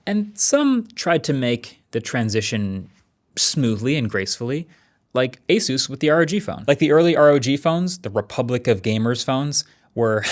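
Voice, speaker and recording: Man, conversational tech commentary. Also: medium pitch. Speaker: tech reviewer and video host.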